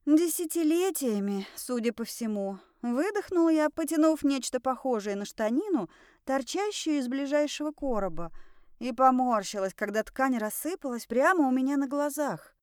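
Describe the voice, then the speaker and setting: A woman narrates a first-person audiobook with a lively, wry delivery. Her voice sits a little high and swings widely in pitch. The sound is smooth, clear and dry, close to the mic. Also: normal speed, no echo.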